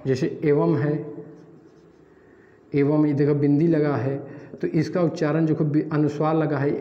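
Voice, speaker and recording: A man's voice: on the high side, mellow. Guy teaching a grammar lesson, repeats stuff, quizzes you, kinda muffled and echoey. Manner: explains step by step, repeats words and asks the class questions. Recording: dull, echoey, roomy sound.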